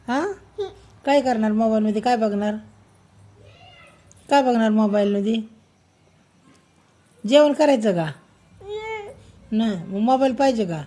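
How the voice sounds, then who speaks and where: A woman's voice: on the high side, background noise. A mother scolding her child at home, firm and repeating her questions over and over.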